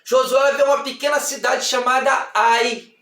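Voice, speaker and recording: High-pitched preacher shouting. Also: male voice, fairly even intonation, moderate pace. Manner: shouting, emphatic, repeating phrases. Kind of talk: fiery sermon. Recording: echoey hall, far from mic.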